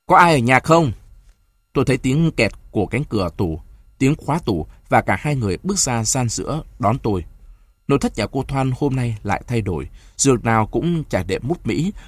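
Calm male storyteller, dry close sound. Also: mid-range voice, no room sound. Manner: calm, even storytelling with quoted dialogue. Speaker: narrator. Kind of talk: literary audiobook narration.

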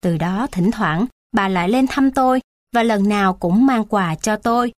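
A woman narrates a story in a steady, even manner at an ordinary middle pitch. The recording is close and dry, with no room echo. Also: moderate pace.

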